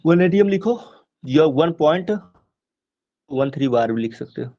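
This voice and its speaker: A man teaching a chemistry class online, asking rhetorical questions and answering them himself, repeating key terms slowly. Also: fairly high pitch, lively intonation, warm tone. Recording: dull lo-fi recording.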